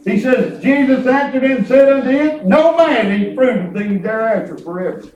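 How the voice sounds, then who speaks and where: High-pitched Southern preacher with a folksy twang. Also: male voice, normal speed, highs cut off. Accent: rural Southern US twang. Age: 50s. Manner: excitable, colloquial, chuckles through anecdotes. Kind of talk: folksy, rambling sermon with storytelling. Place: church hall with responding congregation. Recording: echoey church room, distant microphone.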